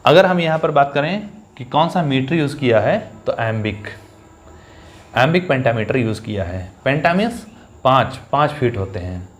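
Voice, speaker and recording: A man teaching an English poetry lesson for exams, explaining step by step and reading verse lines slowly, one syllable at a time. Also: mid-range voice, expressive. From India. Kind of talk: exam-focused poetry lesson.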